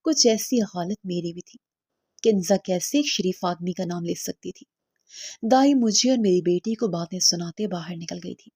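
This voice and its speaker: Woman reading a sad story, mellow low-toned voice, feels every line. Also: husky. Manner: emotional first-person storytelling as a mother. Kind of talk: scripted story narration.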